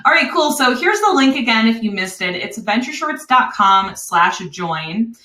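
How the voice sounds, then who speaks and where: A woman with a Wisconsin accent hosting a live webinar, pitching an online course in an upbeat, chatty way with frequent laughs. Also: very animated, moderate pace, pushed and bright, reverberant.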